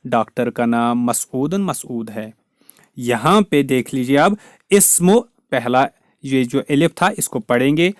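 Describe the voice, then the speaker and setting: A man's voice: a little high, dry recording, studio quality. A man teaching a recorded language lesson, carefully explaining each word and repeating it with its meaning. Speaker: Arabic teacher.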